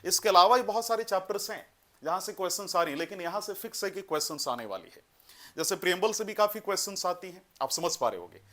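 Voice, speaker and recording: A man's voice: high-pitched, lively intonation, fast talker, fairly bright tone. A man teaching an exam-prep lecture, directive and step by step, mixing English terms into his speech with frequent tag questions. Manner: instructive, mixes English terms into Hindi, frequent "है ना" and "you know".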